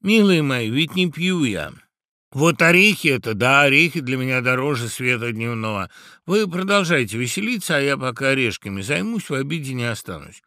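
A man voicing a small, polite male mouse who squeaks out earnest toasts and excuses. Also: sing-song, fairly quick, pushed and bright, no echo, studio quality.

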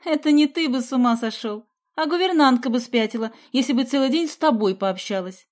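A woman voicing a feisty, quick-tempered schoolgirl who argues in indignant, squealing retorts. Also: high-pitched, very animated, darkish tone, voice pushed up. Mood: teasing.

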